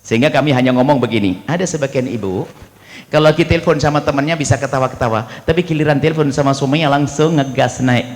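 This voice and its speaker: Animated preacher man in a reverberant hall. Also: mid-range voice, fast talker. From Indonesia. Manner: animated, swings between loud exclamations and quiet asides. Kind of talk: lively sermon to a live audience. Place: large hall at a religious gathering.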